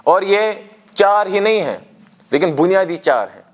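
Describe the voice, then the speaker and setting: Male language teacher, slightly high voice, explains patiently and drills the class in a classroom. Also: expressive, unhurried. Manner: explains terms step by step, asks the class questions and drills them in recitation. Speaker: Arabic teacher. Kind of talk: classroom grammar lesson.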